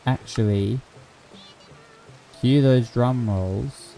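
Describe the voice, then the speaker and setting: A young man casually commenting on his live game stream, rambling and thinking aloud with excitable bursts. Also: mid-range voice, extremely slow, creaky, faint music behind, low-quality recording.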